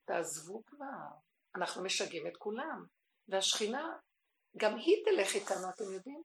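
A woman giving an impassioned religious teaching, swinging from hushed, intimate tones to crying out. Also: mid-range voice, animated, a little hiss or hum. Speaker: spiritual teacher. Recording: echoey room recording.

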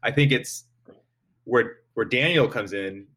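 A man's voice: medium pitch, a little slow, a bit bright, husky. A man hosting a podcast interview, asking friendly, probing questions. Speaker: podcast host.

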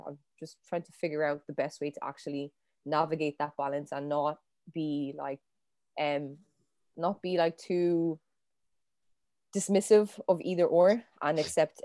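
A woman's voice: low voice, fairly even intonation, moderate pace, warm tone, no echo, studio quality. A young woman from Ireland, a panel guest talking casually and thoughtfully, with many fillers and restarts. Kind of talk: casual conversation.

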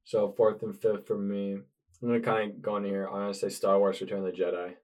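Excitable young man, swearing freely. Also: on the low side, fast. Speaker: podcast co-host. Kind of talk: casual chat.

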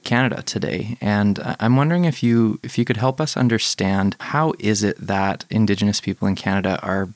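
A man hosts a podcast interview in a very low voice. The sound is dry and close, with no room echo. He speaks softly and steadily as he asks his questions. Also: steady tone. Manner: soft-spoken, measured, brief affirmations. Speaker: podcast host. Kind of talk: interview hosting.

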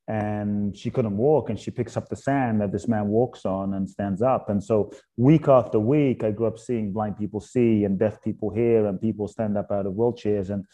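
A man, talking as a guest in an interview. His voice is low and very dark and mellow. He tells his story reflectively, building up to emphatic questions. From England. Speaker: guest, author and speaker.

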